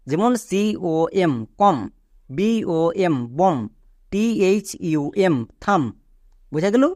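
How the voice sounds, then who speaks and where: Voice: mid-range voice, a little mellow, no room sound, clean studio sound. A patient teacher explaining English pronunciation rules step by step, spelling words letter by letter and often putting questions to the learner. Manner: patient, repetitive, asks the listener questions. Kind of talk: spelling-out classroom lesson.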